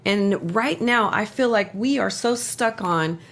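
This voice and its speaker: A woman's voice: medium pitch, measured pace, a bit bright. An older woman co-hosting a ministry talk show, talking earnestly about faith with rambling self-corrections and strong conviction. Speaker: ministry co-host. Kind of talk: casual faith and politics talk.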